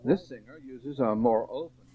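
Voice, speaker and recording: A man narrates in a steady, explanatory way, mid-pitched and even. His voice comes through a thin, phone-like old tape transfer that wobbles with a constant tape warble from wow and flutter. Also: moderate pace. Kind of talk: scripted instructional narration.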